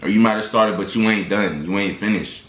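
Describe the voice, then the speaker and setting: Fairly low in pitch and a bit bright, the man's voice moves at a fairly quick clip. He's a vlogger talking motivation to camera in a slangy, rambling way, often starting sentences over, and the room echoes.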